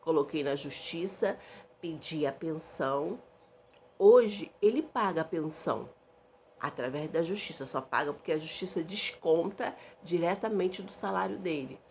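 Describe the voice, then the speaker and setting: A woman's voice: sits low, a little slow, darkish tone, a little hiss or hum. A young woman telling a dramatic personal story in an emphatic way.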